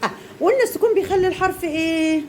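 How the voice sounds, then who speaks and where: A woman's voice: extremely high pitch, racing, a little mellow, slight background noise. A young woman teacher with an Egyptian accent, quizzing and praising small children while explaining to parents. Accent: Egyptian Arabic. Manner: encouraging, quizzing and praising pupils.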